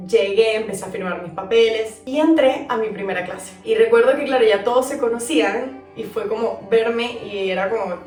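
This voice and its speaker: A young adult woman from Venezuela, telling a personal story in a chatty, animated vlog. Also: medium pitch. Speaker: vlogger telling her story. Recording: echoey room, mic at a distance, soft music.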